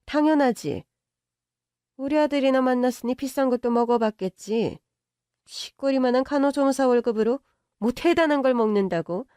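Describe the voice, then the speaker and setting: A woman's voice: sits high, normal speed, dark tone, smooth, dry recording, clean studio sound, pitched above the performer's own voice, natural voice. A woman voicing a haughty, contemptuous middle-aged mother-in-law who scolds and belittles in a story drama. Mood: scornful. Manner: sneering, bossy, scolding in banmal. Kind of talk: audio drama story reading.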